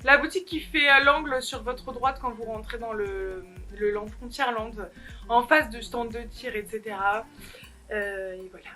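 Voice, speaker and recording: A woman's voice: fairly high pitch, unhurried, sharp tone, faint music behind. A young woman vlogger talking alone to the camera in a casual haul video, giggly and rambling, poking fun at herself. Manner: giggly, rambling, self-mocking. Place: alone at home.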